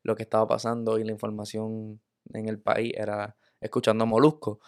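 Smooth-voiced man asking questions. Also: fairly low pitch, monotone, brisk, a little mellow, no echo, studio quality. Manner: conversational, repeats words while thinking. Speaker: podcast interviewer. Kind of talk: casual interview chat.

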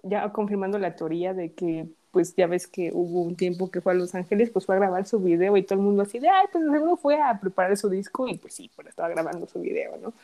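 A young woman talks in a casual, gushing way, giggling often. Her voice is mellow and warm, sitting in a middle pitch. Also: fast talker, hardly any pauses. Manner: gushing, giggly fan talk. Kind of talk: casual chat.

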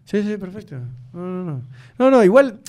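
A man's voice: sits high, lively intonation, moderate pace, darkish tone. A man with a Rioplatense Spanish accent, hosting a casual interview and chatting easily, coaching his guest on how to use the microphone. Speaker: interviewer and host. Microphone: studio microphone.

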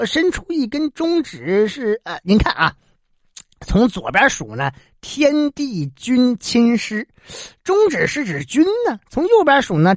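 A crafty court scholar who bows and pleads in a slow, drawn-out way, hesitating as he spins his excuses, as a woman storyteller puts him on. The delivery is dry and close, with a lively rise and fall. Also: a little high, dry recording. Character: sly, witty male court scholar. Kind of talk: traditional storytelling.

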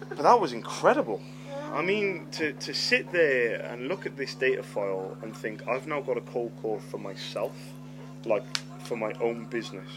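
This podcast host, a middle-aged man with a medium-pitched voice, tells an animated story at a moderate pace amid a noisy background and loud music. He stammers, lisps, curses freely, and repeats himself.

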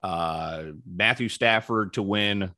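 Casting note: man hosting a betting show, low voice, dry close sound, chatty and opinionated. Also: slow, bright, forceful tone, no room sound. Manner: breezy, opinionated, frequent ums. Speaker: sports betting podcast host. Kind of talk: casual sports betting talk.

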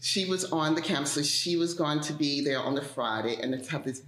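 A woman's voice: low-pitched, brisk, reverberant. A woman, a television writer, telling a story in an interview and acting out the voices she quotes. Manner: animated, acts out quoted voices.

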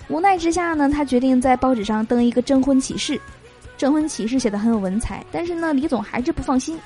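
A woman's voice: sits high, warm tone. A woman hosting a joke show, reading jokes aloud in a cheerful way and laughing at her own punchlines. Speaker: host.

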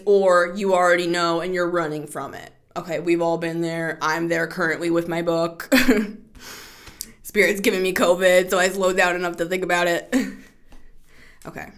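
A woman hosting a casual solo podcast, short of breath and taking deep breaths as she talks in a chatty, rambling way. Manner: chatty and rambling, with frequent "like" fillers. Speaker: podcast host.

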